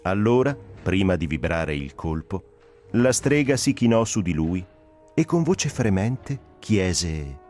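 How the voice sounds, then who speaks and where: A man narrating a dramatic audiobook reading, expressive and shaped by the drama. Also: low-pitched, takes it slowly, faint music behind. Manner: expressive, rising and falling with the drama.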